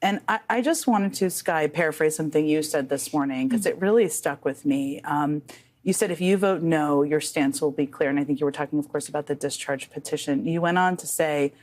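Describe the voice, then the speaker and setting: A woman news anchor narrating a report and interviewing guests, emotional and halting at times. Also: low-pitched, a little mellow. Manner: emotional, halting with repeated starts.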